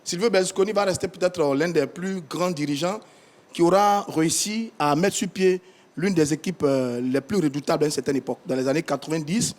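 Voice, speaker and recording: Higher-voiced man commenting on the news. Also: brisk, darkish tone. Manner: conversational, with euhs. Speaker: studio pundit.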